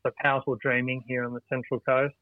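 A man's voice: mid-range voice, flat delivery, quick pace, no echo. A man, a history teacher, earnestly explaining things as an interview guest. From Australia. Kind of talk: interview answers. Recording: tinny phone-like line.

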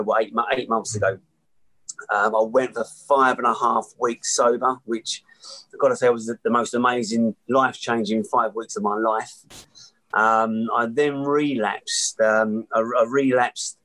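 A man's voice: lowish voice, fairly bright tone, low-quality recording. A man with an Essex accent, a podcast guest talking casually and telling his own story. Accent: Essex English. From Essex, England.

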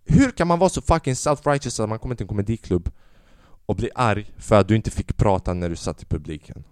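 A young man, a comedian, telling a story in a profane, animated casual rant, dropping in English phrases. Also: on the low side, no room sound, clean studio sound.

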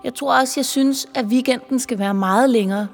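A woman's voice: fairly high pitch, in a large hall, soft background music. A woman voicing a young girl who talks eagerly about her ideas in a children's audiobook.

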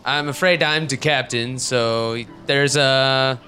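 A man playing a ship's captain in a tabletop game, dry and deadpan. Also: medium pitch, slow, soft background music. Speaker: player.

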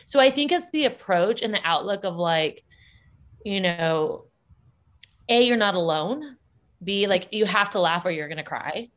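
A woman who founded a school and teaches parenting speaks as an interview guest about her work with parents and children. Her medium-pitched voice is animated and slightly bright, her pace measured, and she laughs often in an upbeat, casual way.

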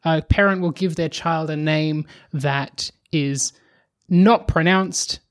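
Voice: medium pitch, slow. A podcast co-host in casual chat who explains at length, speeding up in bursts and sighing now and then.

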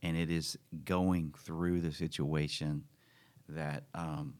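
A man's voice: rumbling low, level tone, slow pace, darkish tone. A man, a church pastor, chatting casually and encouraging listeners on a podcast. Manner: encouraging, conversational. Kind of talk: casual chat.

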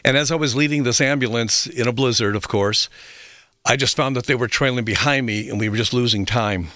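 A man's voice: mid-range voice, a little fast, bright, forceful tone, no echo, clean studio sound. Man telling stories on health radio. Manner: reflective storytelling with frequent fillers and restarts. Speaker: health radio show host. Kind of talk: radio talk monologue.

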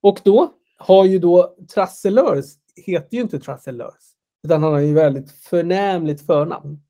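Wisecracking man with a warm voice. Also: a little high. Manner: dry joking, quick quips. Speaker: podcast co-host. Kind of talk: casual chat.

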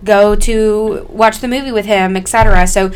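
A woman's voice: mid-range voice, fairly even intonation, normal speed, slight background noise. Effusive woman co-hosting a casual podcast. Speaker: podcast co-host. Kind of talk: casual, conversational podcast chat.

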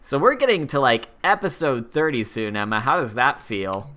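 Very low-voiced, animated woman podcast host. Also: moderate pace. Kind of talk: casual film review chat.

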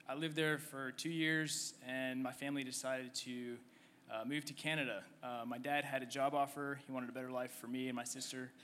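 A man in his twenties telling his life story on a church stage, halting with many fillers and restarts. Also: medium pitch, little pitch movement, fairly bright tone, slight background noise. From Egypt. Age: 20s. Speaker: church member guest. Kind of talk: conversational testimony on stage.

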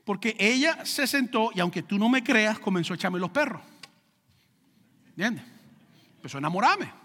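A man's voice: sits high, very animated, moderate pace, bright, forceful tone, long reverb tail. A man, a pastor preaching a sermon, telling a story and building to fervent emphasis.

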